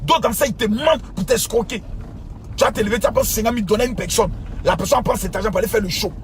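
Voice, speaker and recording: A man with a high-pitched voice preaches a fiery, scolding rant at his followers. He hammers the same phrases again and again, dropping to a mutter and then bursting into shouts. Faint traffic hums behind him. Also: quick pace. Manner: scolding, repetitive, swings from low mutter to shouting. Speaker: pastor.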